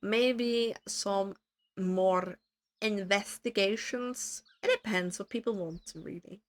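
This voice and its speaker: A woman streamer chats casually with her viewers in a mid-range voice gone hoarse from too much talking. She rambles, pokes fun at herself, and takes her time.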